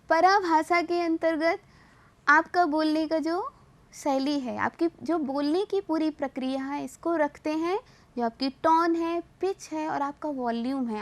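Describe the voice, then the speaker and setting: A woman teacher gives a classroom lecture. She explains step by step, mixes in English terms and restarts her sentences as she goes. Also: high-pitched.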